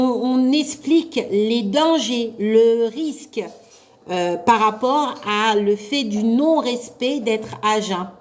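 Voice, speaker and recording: A woman giving a live revision class to nursing assistant students, loud and carrying, chatty and encouraging. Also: a little high, a little hiss or hum.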